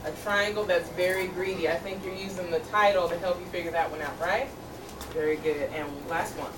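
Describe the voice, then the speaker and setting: This time the teacher's voice sits fairly low, her tone steady and her pace a little fast as she reads a storybook to young second graders. She asks questions warmly and repeats what the kids answer, all picked up distantly in a noisy, reverberant room.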